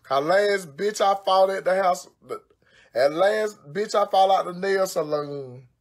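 A woman's voice: medium pitch, measured pace. A woman on a phone livestream at home, talking casually and cursing freely while she does her own nails. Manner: brash, profane, exclamatory, frequent cursing. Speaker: social media personality.

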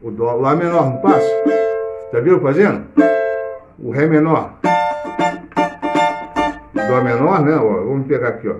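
Teaching cavaquinho in a casual live session, a middle-aged man with a Brazilian Portuguese accent talks theory mid-play and hums or sings fragments. His mid-range voice is animated yet unhurried, with frequent pauses. Highs are cut off, and loud cavaquinho playing fills the echoey room.

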